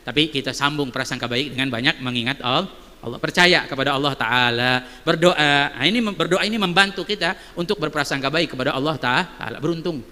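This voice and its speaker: High bright man preaching in echoey hall. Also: a little fast. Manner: animated, many rhetorical questions. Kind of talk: sermon with storytelling. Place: mosque hall.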